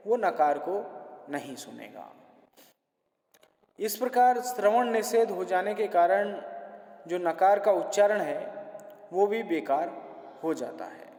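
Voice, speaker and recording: A man's voice: high-pitched, darkish tone. A male college lecturer explaining grammar rules in a classroom lecture, patiently repeating each point in simpler words. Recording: echoey hall.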